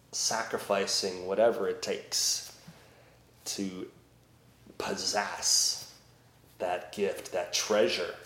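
At Mass, a priest reads the Gospel and preaches slowly and deliberately, building to emphatic swells. His fairly low voice rings out in an echoey church room.

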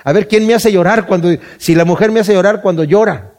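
A man's voice: high voice, a little fast, a little mellow. A middle-aged man from Mexico with a Mexican Spanish accent, teaching a Bible study in a conversational way, often repeating words and asking "¿verdad?".

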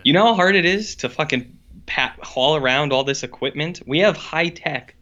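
A man's voice: fairly high pitch, normal speed, bright, forceful tone, dull audio. A man co-hosting a podcast in casual chat, his voice sounding echoey as if inside a fishbowl, recorded in a borrowed room at a university. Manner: rambling, easygoing, swears casually. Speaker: podcast co-host.

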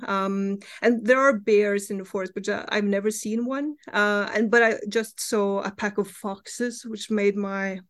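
A woman from Norway with a Norwegian accent, a guest comics writer chatting candidly in an interview, laughing easily and swearing casually. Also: mid-range voice.

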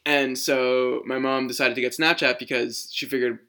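A young man co-hosts a relaxed podcast and tells stories as he goes. His voice is bright and forward, and he wanders through his sentences with loose, restarting phrasing. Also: mid-range voice, moderate pace. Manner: rambling, lots of fillers and restarts. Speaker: podcast co-host. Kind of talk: casual chat.

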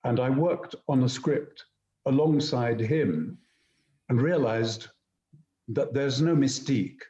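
A man being interviewed, telling anecdotes in a deliberate, articulate and emphatic conversational way. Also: mid-range voice, dark tone. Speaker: interview guest, poet and screenwriter. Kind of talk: reflective conversational storytelling. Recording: slightly dull, roomy sound.

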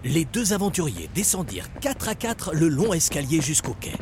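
A man's voice: on the high side, huge pitch swings, normal speed, slight background noise. A man narrating a children's adventure story expressively. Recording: story narration over loud music.

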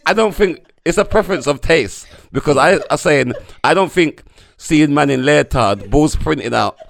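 A man's voice: a little high, lively intonation, normal speed, vocal fry. A man with an urban London roadman accent, bantering casually in slang and teasing his friends. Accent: London, urban Caribbean-influenced slang.

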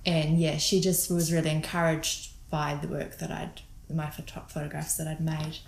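A woman with a New Zealand accent, talking casually in an interview, relaxed and hesitant with many ums and restarts. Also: deep voice, moderate pace, gravelly, echoey room, slight background noise, poor audio. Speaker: guest photographer.

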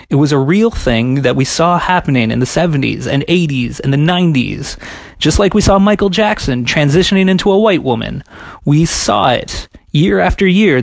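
A man delivering a scripted comedic science explainer with sarcastic, deadpan asides. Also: fairly high pitch, creaky, dry recording.

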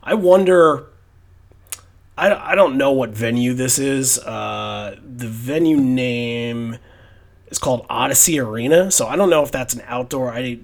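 A man's voice: medium pitch, a little slow, vocal fry. Guy hosting a music podcast, rambly and thoughtful, casual chat, middle voice. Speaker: podcast host.

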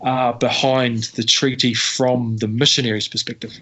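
A man, a history guest answering in a casual, animated storytelling way. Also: medium pitch, moderate pace, slightly rough. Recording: slightly muffled audio.

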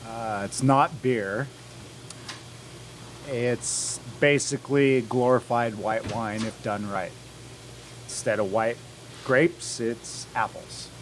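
A man's voice: mid-range voice, steady tone, slow, long pauses, a little hiss or hum. A man guesting on a live pub radio show as a cider maker, explaining his craft in a matter-of-fact way with plain comparisons. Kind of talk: casual interview explanation.

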